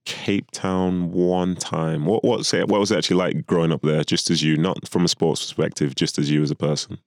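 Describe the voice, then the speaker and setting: Man, podcast host, very deep voice, chatty, teasing, dry studio sound. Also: steady tone, moderate pace, gravelly, darkish tone, dry recording. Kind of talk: podcast interview.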